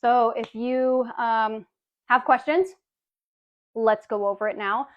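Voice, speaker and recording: A woman's voice: on the high side, fairly even intonation, slow pace. A woman fitness coach giving a casual live workout demonstration, chatty and breezy, calling her viewers baby and girlies. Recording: dull lo-fi livestream audio.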